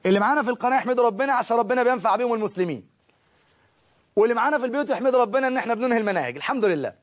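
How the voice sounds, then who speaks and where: A man with an Egyptian Arabic accent teaching a recorded grammar lesson, lively, asking questions and answering them himself. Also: extremely high pitch.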